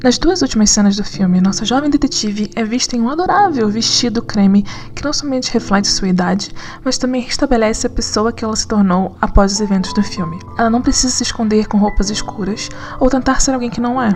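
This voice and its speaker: A woman narrating a scripted essay in an analytical, conversational way with lively asides. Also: on the high side, fairly quick, few pauses, faint music behind. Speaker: narrator and writer.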